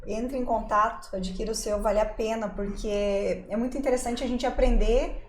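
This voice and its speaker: A woman's voice: a little high, fairly even intonation, normal speed, background noise. A woman hosting a podcast interview, asking friendly, leading questions. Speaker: podcast host. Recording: echoey room.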